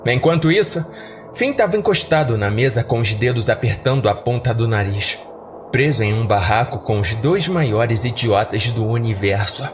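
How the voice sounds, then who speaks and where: In this scripted podcast piece, a man tells a horror story dramatically and expressively, his voice at an average pitch and a moderate pace. Clear music plays underneath the narration.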